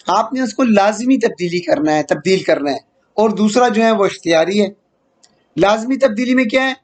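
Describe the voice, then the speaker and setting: A man teaching an online grammar lecture, patiently repeating key terms and checking in with rhetorical questions. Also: sits high.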